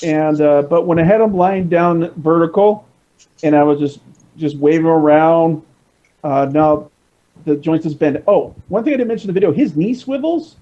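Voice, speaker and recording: A man in casual podcast chat, talking excitably and rambling with many restarts. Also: on the high side, moderate pace, muffled recording. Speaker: podcast co-host.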